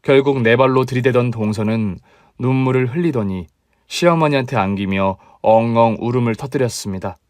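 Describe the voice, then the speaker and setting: A man narrating a radio drama in an even, plain storytelling way. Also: medium pitch, fairly quick, dry recording.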